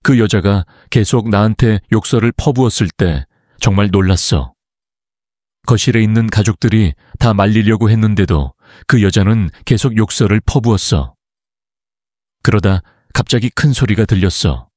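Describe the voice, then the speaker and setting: A man narrating a family drama story in an even, scripted read. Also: on the low side, moderate pace, no echo, clean studio sound.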